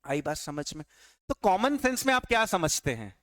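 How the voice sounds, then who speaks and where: A man's voice: high-pitched, very animated, normal speed, fairly bright tone, dry recording, studio quality. A man teaching a tax law class with an Indian accent, quizzing students and answering his own questions. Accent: Indian English. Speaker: tax lecturer. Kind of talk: classroom lecture.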